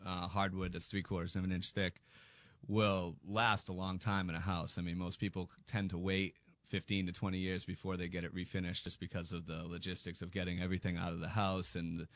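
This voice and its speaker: A man's voice: deep voice, level tone, fairly quick, fairly bright tone, no echo. A man in his thirties, a business owner and guest on a radio show, answering questions in an easygoing, plain-spoken way. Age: 30s.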